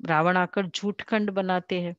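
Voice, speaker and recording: An Indian woman giving a devotional class, slowly reading and explaining scripture, raising her voice when she quotes. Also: lowish voice, steady tone, no echo, dull audio. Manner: slow, explanatory, quotes the Father in a raised voice. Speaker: spiritual teacher.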